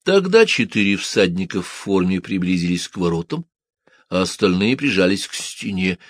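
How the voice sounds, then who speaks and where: A man narrating a storybook in a steady audiobook reading. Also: sits low, moderate pace, no room sound, clean studio sound.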